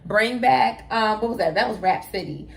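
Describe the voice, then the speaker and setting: A woman's voice: mid-range voice, normal speed, gravelly. A woman co-hosting a casual chat show, talking in a chatty, effusive way and calling her viewers "y'all". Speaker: co-host.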